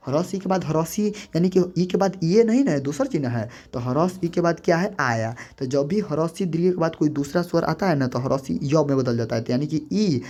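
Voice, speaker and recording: A man's voice: a little high, moderate pace, few pauses, darkish tone. A man teaching a grammar lesson, repeating steps and quizzing the listener as he goes. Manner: repetitive, coaxing, quizzes the listener. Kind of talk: board-explaining grammar lesson.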